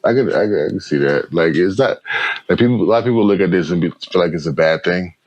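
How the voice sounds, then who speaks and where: A man's voice: deep voice, quick pace, darkish tone, lo-fi sound. A man hosting a podcast, reacting in a laid-back, slangy way and calling people "bro" and "man". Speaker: podcast host. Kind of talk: casual reaction chat.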